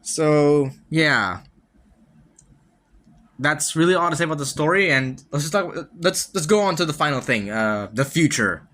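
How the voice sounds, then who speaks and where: Fairly high-pitched, animated, and a bit bright, the host takes his time reviewing a game on his one-man podcast. He meanders, keeps starting sentences over, swears casually, and lets out wry laughs between points.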